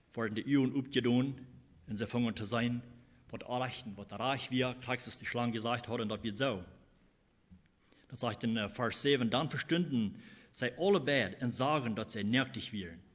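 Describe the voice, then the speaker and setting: A man preaching a sermon in a voice of middling pitch. He explains scripture haltingly and often goes back over his phrases.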